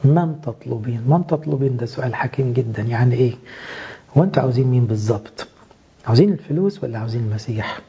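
A man's voice: mid-range voice, very fast, mellow, slightly rough. A man with an Egyptian accent giving an earnest, pastoral sermon, speaking to his listeners as "my dear.". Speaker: preacher. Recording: dull lo-fi recording.

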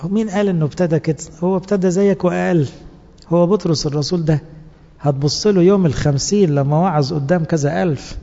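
Preaching to church servants with an Egyptian accent, a man speaks fast in a warm, fairly high voice with vocal fry, earnestly urging them on and asking rhetorical questions throughout. The sermon is captured in dull lo-fi audio in an echoing hall.

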